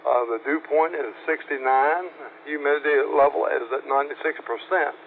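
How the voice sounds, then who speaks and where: Ham operator, male, slightly high voice, comes through a thin radio channel with soft static, reads numbers steadily. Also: steady tone, gravelly. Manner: measured, lists readings methodically. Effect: radio transmission with static. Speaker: amateur radio operator checking in. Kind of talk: weather report on a radio net. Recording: tinny radio transmission with faint static.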